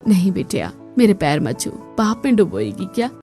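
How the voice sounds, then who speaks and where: A woman voicing a poor, weary older mother in a cartoon, soft and tired. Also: medium pitch, sing-song, normal speed, gravelly, soft background music.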